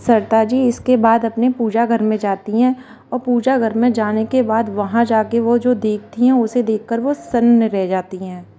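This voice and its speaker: A woman narrating a devotional tale in a steady, plain way. Her voice is slightly high, with a mellow, soft tone rather than a bright one. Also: moderate pace. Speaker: storyteller.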